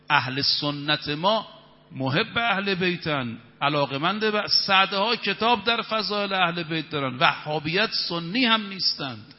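A man in his fifties preaching an evening sermon, speaking emphatically and reciting verses in Arabic. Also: on the high side. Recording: reverberant, dull hall sound.

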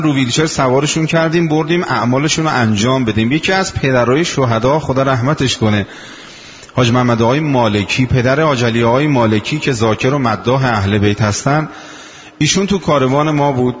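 Older preacher in an echoing hall. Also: male voice, mid-range voice. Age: 60s. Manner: unhurried storytelling, slows for quoted sayings. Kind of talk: sermon. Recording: dull lo-fi recording in a reverberant hall.

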